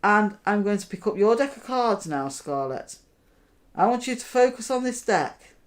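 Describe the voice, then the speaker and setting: A woman magician giving card trick patter, deliberately talking her audience through each step and checking in with questions. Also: medium pitch, lively intonation. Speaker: magician, host.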